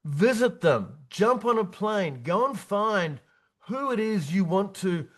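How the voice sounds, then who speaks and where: A man in his fifties delivers a motivational business talk with a fairly high voice. He speaks in short, punchy bursts, repeating key words and tossing in "right?" to keep the audience engaged. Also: lively intonation, slow. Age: 50s. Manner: punchy, repetitive, tag questions like "right?". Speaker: business coach presenting his book. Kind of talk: motivational presentation to accountants.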